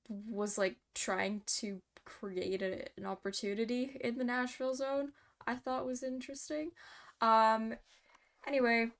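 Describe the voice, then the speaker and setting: A woman's voice: medium pitch, a bit bright, smooth. A young woman hosting a casual post-game hockey analysis, chatty with sarcastic asides and lots of fillers. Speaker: host.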